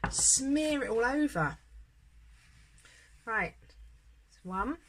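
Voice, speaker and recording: A woman's voice: fairly high pitch, animated, extremely slow, a bit bright, slight background noise. A woman presenting a casual home baking tutorial, chatting and encouraging as she works through each step. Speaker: home baker demonstrating a recipe.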